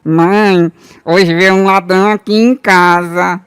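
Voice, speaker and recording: Filho calmo e direto, dito pelo narrador, em voz macia. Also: male voice, high voice, moderate pace, smooth, no room sound, clean studio sound, close to an everyday voice. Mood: calm. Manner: calm, matter-of-fact. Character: young son talking to his mother.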